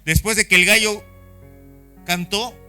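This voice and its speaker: A Chilean man preaches to his congregation with passion, slipping into the voices of people he quotes. His voice sits a little high and rings very bright. Soft instrumental music plays faintly beneath the sermon. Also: fairly even intonation, unhurried, clear, resonant tone. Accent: Chilean Spanish. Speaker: pastor. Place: church service.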